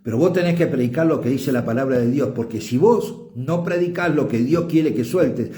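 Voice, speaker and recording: A middle-aged man with an Argentine Spanish accent, preaching a forceful, emphatic sermon as a pastor. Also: mid-range voice, normal speed, reverberant. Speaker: apostle and pastor.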